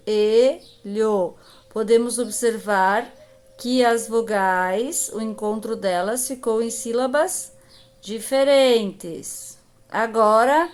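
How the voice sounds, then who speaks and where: A woman teacher with a Brazilian accent giving a recorded grammar lesson to young pupils, patiently stretching out the example words. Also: fairly high pitch. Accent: Brazilian Portuguese. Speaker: primary school teacher.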